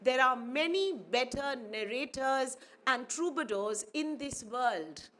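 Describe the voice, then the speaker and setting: Slow and high-voiced, with an animated, slightly bright quality, an academic woman from India addresses a formal ceremony in a university auditorium as guest speaker. Urdu is her first language, and her measured, formal delivery repeats phrases for emphasis.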